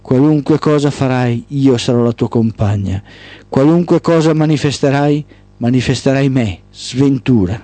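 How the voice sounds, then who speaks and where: A man's voice: medium pitch, moderate pace, mellow, dry recording, lightly acted. A man voicing Misfortune, a relentless female spirit and daughter of Night, who speaks insistently in a storytelling piece. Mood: ominous.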